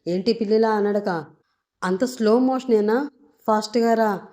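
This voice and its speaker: A woman's voice: mid-range voice, normal speed, close to an everyday voice. A woman voicing a domineering young male rowdy killer who mocks and barks orders at his captive. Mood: impatient. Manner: commanding, mocking, loud barked orders.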